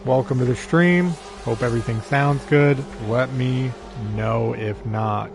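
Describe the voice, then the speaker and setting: A young man streams a racing management game in a relaxed, rambling chat with his viewers and a friend. His voice carries a gravelly fry at a middle pitch. Faint music plays in the background. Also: a little slow. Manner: rambling, easygoing, talks to a friend on a call. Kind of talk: casual live-stream chat.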